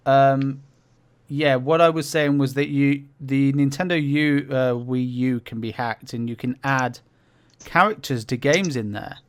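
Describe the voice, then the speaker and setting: A man's voice: medium pitch, unhurried. Man on a glitchy, robotic call. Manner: rambling, self-correcting. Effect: glitchy robotic call audio dropping out. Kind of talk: casual chat. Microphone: online voice call.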